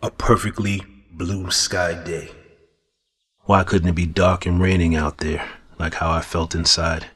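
A man narrates first-person fiction in a brooding, low-key manner. His voice sits very low and stays flat. It has a husky grain throughout. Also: a little slow. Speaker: audiobook narrator.

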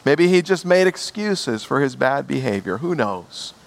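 A man's voice: mid-range voice, big pitch swings, unhurried, creaky. A man preaching a sermon as pastor, stressing key words by repeating them.

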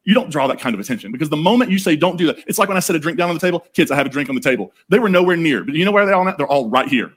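A man preaching a sermon in a casual, jokey way, telling the story with animated asides. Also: a little high, rapid-fire, few pauses, slightly rough.

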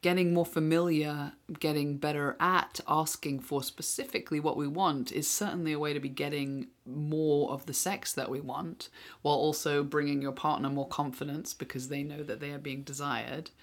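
Low-voiced woman, earnest podcast co-host. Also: steady tone, normal speed. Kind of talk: casual podcast discussion.

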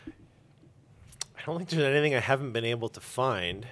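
A comic book store owner, appearing as a guest in a casual interview, speaks candidly and jokingly with emphatic, sometimes crude phrasing. His mid-range voice is a bit bright, with lively intonation at normal speed.

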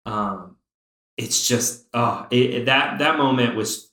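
A man co-hosting a podcast, talking thoughtfully about a TV series with drawn-out phrasing and fillers. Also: medium pitch, pushed and bright. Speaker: podcast co-host. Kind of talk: casual chat about a TV series.

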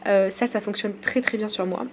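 A French woman hosting her own podcast, talking casually with many pauses and fillers. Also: mid-range voice, steady tone, background noise. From France. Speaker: podcast host. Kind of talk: casual solo podcast talk.

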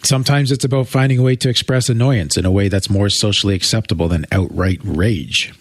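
A man co-hosts a relationship podcast, talking through ideas in a thoughtful, unhurried way. His voice sits on the low side, and the recording is dry and close. He builds long winding explanations. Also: no echo. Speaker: co-host. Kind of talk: casual explanatory chat.

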